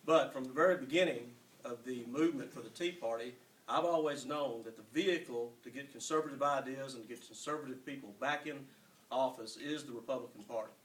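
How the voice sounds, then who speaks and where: A mid-pitched man speaks earnestly and in a businesslike way at a campaign forum. He is picked up from a distance in a roomy, echoing space with a little faint noise. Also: a little fast. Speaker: political candidate. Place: large room at a public forum. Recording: echoey hall, picked up from afar, faint noise.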